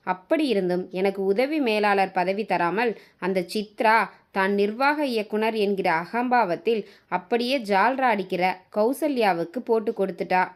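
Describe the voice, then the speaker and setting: A woman voicing an angry, bitter woman office worker in a storybook reading, with sharp, resentful retorts. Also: medium pitch, lightly acted.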